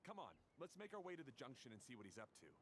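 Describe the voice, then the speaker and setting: A man's voice: mid-range voice, sing-song, rapid-fire, slight background noise, natural voice. An actor playing a grumbling adult man who resents his brother, complaining in a game's dialogue. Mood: indignant. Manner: complaining, indignant.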